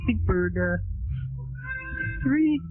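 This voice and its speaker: A man's voice: sits high, lively intonation, extremely slow, no echo, full character voice. A man voicing a stoned male puppet frog host, hesitant and earnest, in a crude parody sketch. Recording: dull lo-fi audio over music.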